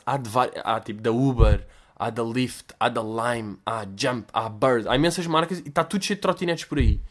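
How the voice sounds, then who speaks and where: A young adult man with a European Portuguese accent, telling stories as a podcast host in a slangy, animated way that gets louder when he is excited. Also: medium pitch. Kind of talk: casual storytelling monologue.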